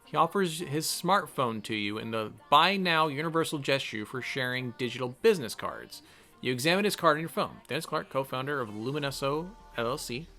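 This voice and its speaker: Bright-voiced man narrating a text game. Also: a little high. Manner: thinking aloud, chatty. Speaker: gamer reading and playing an interactive text game. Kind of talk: let's-play narration with casual commentary.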